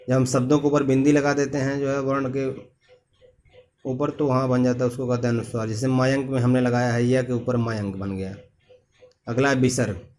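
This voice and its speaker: A male teacher talking his pupils through a lesson at a mid pitch. He works through each point slowly and repeats key terms, pausing often as he goes. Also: darkish tone. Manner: slow, repetitive explaining with many pauses. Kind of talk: classroom lesson.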